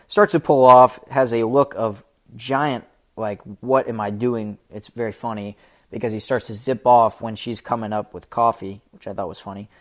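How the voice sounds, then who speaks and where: A man giving casual, scene-by-scene film commentary, chatty and loose with lots of fillers. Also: medium pitch.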